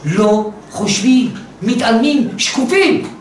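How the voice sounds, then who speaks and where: Guy teaching torah, lots of rhetorical questions, far from the mic, roomy echo, faint noise. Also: extremely high pitch. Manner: animated storyteller, rhetorical questions. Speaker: religious teacher. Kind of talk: Torah lesson with a told parable. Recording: very echoey room, distant mic, faint noise.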